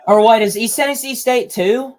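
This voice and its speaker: A young man co-hosting a podcast, casually reacting out loud to a sports broadcast and blurting out results. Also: very high-pitched, moderate pace, poor audio. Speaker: podcast co-host.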